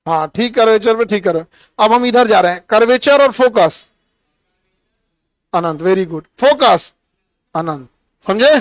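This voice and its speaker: High-pitched man teaching a lively class. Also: a little slow, long pauses, no echo. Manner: teasing, quizzes students by name. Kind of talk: classroom physics lesson.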